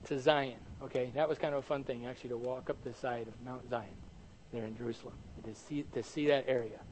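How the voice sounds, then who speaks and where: A man preaching a Bible study sermon, animated and conversational, often asking the congregation questions and answering them himself. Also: mid-range voice, fast, a little hiss or hum, rough recording. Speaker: pastor teaching Bible study.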